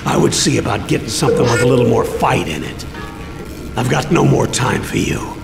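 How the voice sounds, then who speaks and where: An actor playing a tough, curt, menacing boss in a video game. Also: male voice, mid-range voice, lively intonation, fairly quick, gravelly. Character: tough, threatening male boss handing out jobs. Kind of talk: video game character dialogue. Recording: roomy echo under loud music.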